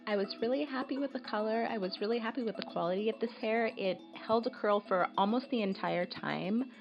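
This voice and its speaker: A woman narrates a hair tutorial voice-over casually, explaining in a relaxed, chatty way while sounding slightly raspy and tired from a cold. Her voice is on the high side and a little fast, the highs are cut off, and background music plays.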